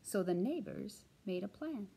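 A woman reading a children's picture book aloud in an expressive, animated way. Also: medium pitch, unhurried, creaky, husky. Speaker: storytime reader.

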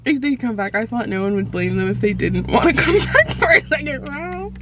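A woman's voice: on the high side, big pitch swings, brisk, noisy background. A woman in her twenties chatting casually, laughing often and using plenty of slang. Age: 20s. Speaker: vlog guest. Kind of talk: casual chat.

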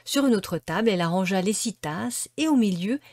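A woman reads a classic storybook aloud, lively and expressive. Her voice sits in a middle register, and the sound is close and dry with no room around it. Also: mid-range voice, brisk, dry recording. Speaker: storybook reader.

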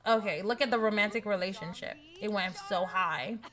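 A young woman streaming a life-sim game live, chatting with viewers and shrieking with excitement in drawn-out repeats. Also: medium pitch. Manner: chats with viewers, says thanks for follows. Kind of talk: casual live-stream commentary.

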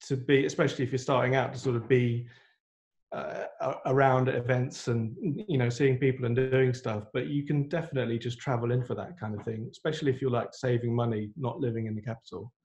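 A man's voice: medium pitch, a little fast. Thirties male guest, laid-back video-call chat, home laptop mic. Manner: relaxed, easygoing. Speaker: guest composer. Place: room at home.

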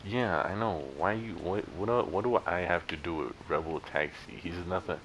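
A man's voice: low-pitched, moderate pace, fairly bright tone, a little hiss or hum, poor audio. A young man in casual gameplay commentary, rambling and joking with friends on chat. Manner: rambling, joking, yelps and laughs at the game. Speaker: gameplay YouTuber.

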